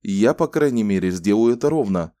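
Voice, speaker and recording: A man's voice: lowish voice, expressive, a little fast, mellow, natural voice. A man voicing a frank, good-natured grown man who teases a child kindly in an audiobook. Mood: teasing lively. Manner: frank, teasing.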